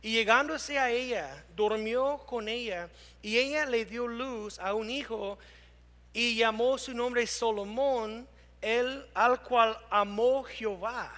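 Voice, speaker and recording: High-voiced pastor preaching in a reverberant hall. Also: male voice. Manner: preaching with emphatic swings between loud and hushed; reads scripture aloud slowly. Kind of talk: sermon.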